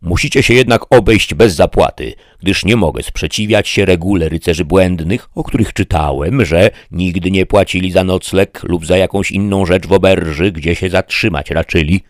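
A man's voice: deep voice, moderate pace, hardly any pauses, dry recording, studio quality, natural voice. A man voicing a pompous, deluded old knight who speaks in a grandiloquent, declamatory way. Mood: solemn lofty.

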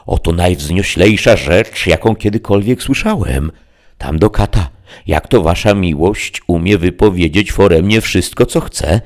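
Sancho Panza, voiced by a deep-voiced man. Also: lively intonation, a little slow. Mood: excitable. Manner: loud, exclaiming, folksy. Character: blustering, excitable peasant squire, middle-aged man. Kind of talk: audiobook character reading.

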